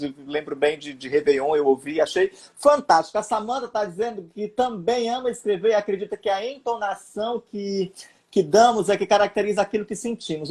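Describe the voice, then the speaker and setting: A man's voice: high-pitched, darkish tone. A man with a Brazilian Portuguese accent hosting a casual interview, asking questions with hesitant fillers and laughing along. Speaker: host.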